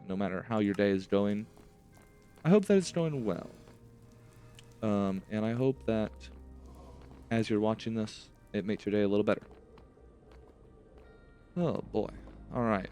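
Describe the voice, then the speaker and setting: A man's voice: fairly low pitch, darkish tone. A man with a slight lisp from wearing retainers, hosting a casual, chatty gaming let's-play and talking to himself as he plays. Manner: chatty, rambling, self-talk while playing. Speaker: host of a gaming series.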